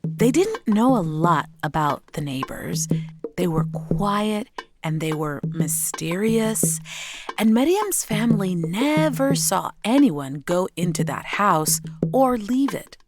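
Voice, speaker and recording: A woman narrating a children's folktale slowly and expressively, weaving in words. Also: medium pitch, faint music behind. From Sudan. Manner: slow, expressive, mixes in Arabic words. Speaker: storyteller.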